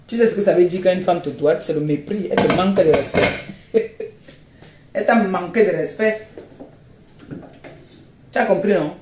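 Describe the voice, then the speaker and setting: A woman's voice: lowish voice, normal speed, long pauses. A Cameroonian woman rants on a phone live stream, mocking and scolding in blunt, repeated jabs. She sounds tired and unwell. The room is echoey, with a faint hiss underneath. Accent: Cameroonian French.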